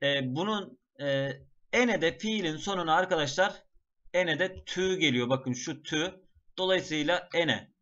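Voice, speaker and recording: Speaking a little slowly, a man with a fairly high, fairly bright voice guides students through exam prep step by step. He often calls out to the class and chants word lists in a sing-song tune, all on a dull lo-fi recording.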